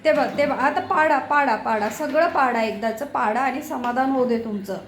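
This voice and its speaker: A woman's voice: high voice, moderate pace, reverberant, a little hiss or hum. A woman talking to her pets in a home kitchen, scolding them fondly in exasperated baby talk. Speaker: pet owner filming her cats. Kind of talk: casual home video chatter to pets.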